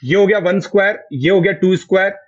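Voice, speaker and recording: A man's voice: high voice, fast talker, lo-fi sound. A man with an Indian accent teaching a math class online. He keeps coaxing his students to answer and confirm each step.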